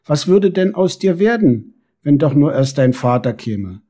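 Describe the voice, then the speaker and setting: A man voicing a strict but soft-hearted mother beetle who scolds her son, in a storybook reading. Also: a little high, sing-song, unhurried. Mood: scolding.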